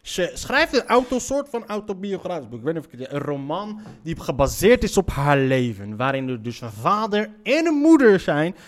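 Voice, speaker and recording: A man's voice: a little high, very animated, moderate pace, few pauses. A man reacting to a story he reads aloud, blunt and incredulous, swearing and stumbling over repeated words. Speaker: reaction commentator. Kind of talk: reaction commentary.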